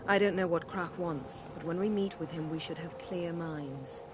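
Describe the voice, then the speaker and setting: A woman's voice: lowish voice, normal speed, background noise, close to an everyday voice. An actress playing a frank, composed young noblewoman in a video game, with a wry, conversational manner.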